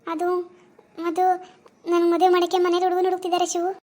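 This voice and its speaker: A woman's voice: extremely high pitch, completely flat delivery, fast talker, warm tone. [name], a woman playing an anxious girl. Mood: worried. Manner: pleading, worried. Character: young village woman, timid and anxious lover.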